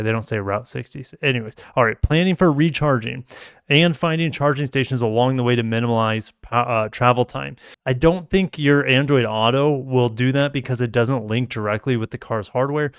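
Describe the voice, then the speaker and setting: Smooth-voiced male car vlogger. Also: medium pitch, no room sound, studio quality. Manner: chatty, thinking aloud and addressing viewers. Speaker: car reviewer. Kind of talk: casual vlog commentary.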